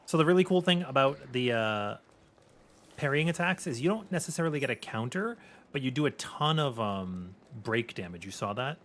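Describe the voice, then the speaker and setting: A man's voice: mid-range voice, expressive, normal speed, fairly bright tone, a little hiss or hum. A man giving casual, slangy gameplay commentary as a chatty game streamer.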